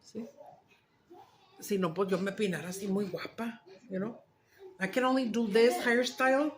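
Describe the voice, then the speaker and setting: A woman's voice: mid-range voice, low-quality recording. A woman with a Chicano English accent chats casually and candidly to her viewers, rambling with some swearing and slipping between English and Spanish. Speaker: mukbang vlogger. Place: small dining and living room at home.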